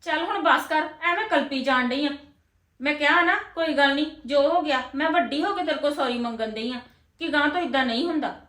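A woman's voice: high-pitched, brisk, fairly bright tone, reverberant. A woman with a Punjabi accent, acting a defensive elder sister-in-law in a scripted family drama. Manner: defensive, then placating.

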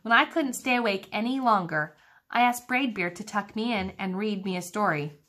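A woman's voice: mid-range voice, moderate pace, a bit bright. A woman teacher reading a children's book aloud, engaging her young listeners with questions about the pictures.

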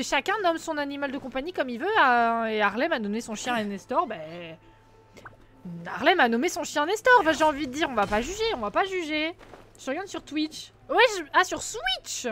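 A high, fairly bright female voice belongs to a Twitch streamer who chats playfully with her live viewers, teasing them and humming or singing syllables between lines.

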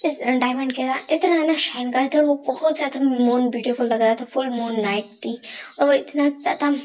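A woman with a high voice retells a story in a casual, rambling way. She leans on fillers and often restarts her sentences as she goes. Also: steady tone, a little fast, a little mellow.

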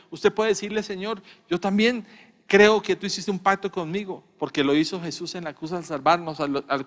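A man preaches in church with a high, ringing voice. He drives his message home by repeating phrases with rising emphasis. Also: a bit bright, big-room sound. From Colombia. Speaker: pastor. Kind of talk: sermon.

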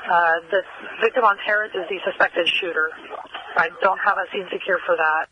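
Guy on police radio, brief procedural updates, high voice, muffled with static. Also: fairly even intonation, normal speed. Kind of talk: emergency police radio transmission. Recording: dull, noisy police radio.

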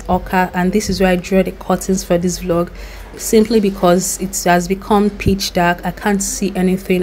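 A woman's voice: on the low side, darkish tone, a little hiss or hum. A young Nigerian woman narrating her road trip in a chatty, recommending voice-over with loose asides. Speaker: vlogger. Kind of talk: travel vlog voice-over.

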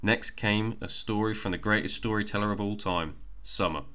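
A man narrating a bedtime storybook in a gentle, even reading voice. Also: lowish voice, normal speed.

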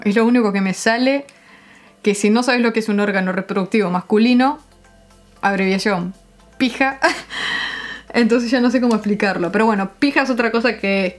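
Chatty Uruguayan woman vlogger. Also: on the high side. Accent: Uruguayan Spanish. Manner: chatty, laughs often, searches for words. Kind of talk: casual vlog explaining slang.

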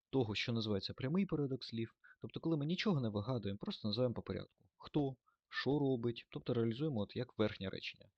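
A man's voice: medium pitch, no echo, lo-fi sound. A man teaching German grammar in a lesson, thinking aloud with fillers and self-corrections.

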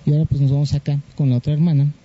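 A man with a Mexican Spanish accent interviewing grieving relatives, offering gentle advice. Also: fairly high pitch, flat delivery, very fast, muffled recording, background noise. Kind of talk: consoling reporter interview.

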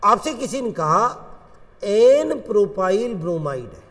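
A male chemistry teacher with an Indian accent explains reactions in a lively, sing-song lecture voice that sits high and swings widely in pitch. His words ring with a long reverb from the room around him. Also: slow pace. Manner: animated, coaxing, addresses students as friends. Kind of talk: classroom lecture.

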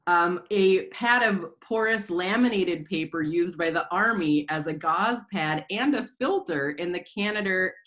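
A woman's voice: fairly low pitch, a bit bright, low-quality recording. A woman hosting a casual staff quiz, reading questions and often breaking into laughter. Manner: giggly, keeps breaking into laughter. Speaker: quiz host on a staff podcast.

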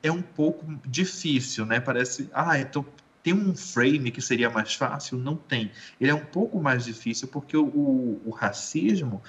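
A man giving a measured, explanatory talk in an educational conversation, often rephrasing himself. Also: mid-range voice, animated, fairly bright tone, dull audio. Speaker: guest lecturer.

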